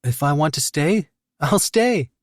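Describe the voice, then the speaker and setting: A man's voice: fairly high pitch, lively intonation, measured pace, dry recording, studio quality, voice pushed up. A man voicing a defiant mafia daughter. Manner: cool, defiant. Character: defiant young woman, sharp-tongued mafia daughter.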